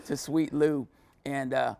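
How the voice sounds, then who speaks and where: Gravelly-voiced former player recalling his coach. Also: medium pitch, fairly even intonation, slow pace, a little mellow, no echo. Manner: earnest, reflective, many "you know" fillers. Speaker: former player, interview guest. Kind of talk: sit-down interview.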